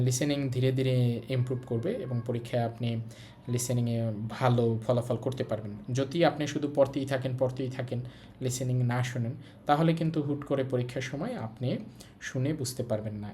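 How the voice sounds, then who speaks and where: A man's voice: mid-range voice, mellow, slight background noise. A man from Bangladesh teaching a language lesson from a textbook. He explains each line step by step and repeats words and their meanings.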